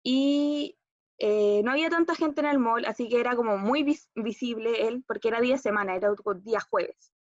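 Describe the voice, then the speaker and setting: A young woman with a Chilean accent recounts a personal story as a monologue exercise. Her voice sits a bit high, and she keeps circling back with fillers and self-corrections. The recording is dry and a little muffled. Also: normal speed, no echo. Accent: Chilean Spanish. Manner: rambling, hesitant storytelling with fillers and restarts. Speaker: acting student.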